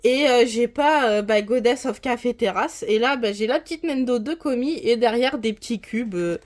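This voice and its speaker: A woman's voice: on the high side, moderate pace. A woman from France giving a casual, rambling tour of her manga collection, with frequent hesitations.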